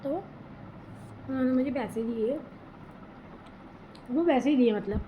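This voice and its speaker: Young woman, high-pitched, chatty and emotional, casual vlog, noisy background. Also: measured pace, phone-quality sound. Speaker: vlogger. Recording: background noise.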